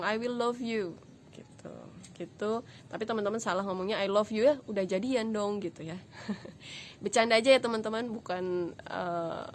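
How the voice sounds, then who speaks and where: A woman from Indonesia talks through a casual language lesson in a chatty, joking way, slipping English words in as she goes. Her voice sits at a middle pitch, with a faint hum of noise in the recording. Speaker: English tutor.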